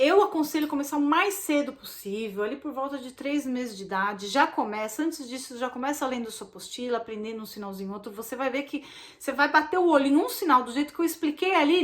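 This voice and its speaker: A woman's voice: high voice, lively intonation, fairly quick. A woman with a Brazilian Portuguese accent gives a casual recorded online lesson as a course instructor. She explains things in a chatty way and often checks in with short tag questions. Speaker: baby sign language course instructor.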